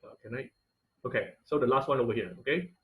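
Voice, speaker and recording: This instructor, a fast-talking man with a medium-pitched, slightly bright voice, runs a live online coding lesson. Using his computer mic on the class call, he keeps stopping partway through sentences to rephrase.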